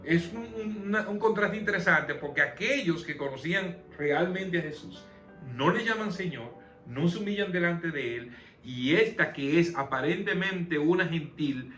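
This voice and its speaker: A man's voice: fairly high pitch, expressive, moderate pace. A man leading a conversational Bible study, explaining the passage and posing questions to his listeners. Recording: echoey room with soft music behind.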